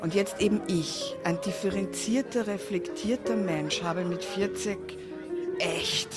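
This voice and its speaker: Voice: mid-range voice, a little slow, over loud music. A person in their forties giving a wry, self-mocking, reflective radio monologue. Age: 40s. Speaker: narrator.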